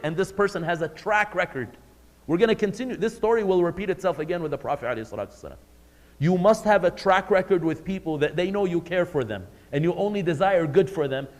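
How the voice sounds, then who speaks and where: Guy teaching a class, chatty, keeps asking the room questions, voice rings around a big hall. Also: high voice. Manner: conversational, quizzes the audience. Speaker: religious teacher. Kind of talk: lecture to a live class. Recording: long hall reverb.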